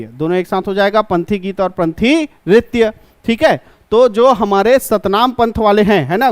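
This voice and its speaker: A male coaching class teacher, giving an exam-prep lecture. He asks a question, answers it himself, and repeats key terms slowly. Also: high-pitched, smooth, no echo.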